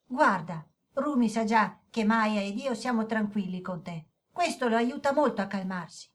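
Woman playing a calm, patient young brother. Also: fairly high pitch, normal speed, lightly acted. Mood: reassuring. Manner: gentle, reassuring, instructive. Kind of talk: children's audio story acting.

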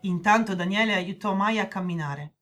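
A woman narrating a children's story in a clear, measured way. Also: medium pitch, fairly bright tone, faint music behind.

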